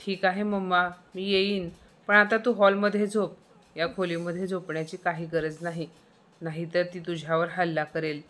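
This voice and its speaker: A nervous young married woman, as a woman narrator plays her in a storybook tale. She sounds worried and pleading, her lowish voice lifted a little above the narration. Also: flat delivery, normal speed, fairly bright tone, natural voice. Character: anxious young married daughter.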